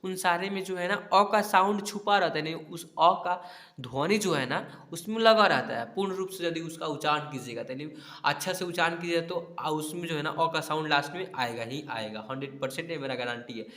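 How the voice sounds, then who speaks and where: A man's voice: a little high, a little fast, bright, forceful tone, echoey room. A man teaching a spelling lesson over a screen, sounding out words syllable by syllable and often checking "ठीक है?" with his pupils.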